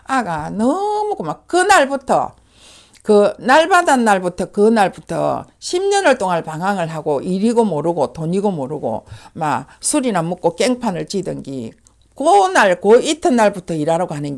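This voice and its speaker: A woman's voice: fairly low pitch, very animated, normal speed. A woman shaman with a Gyeongsang accent, telling a story in casual chat and acting out the voices of the people in it.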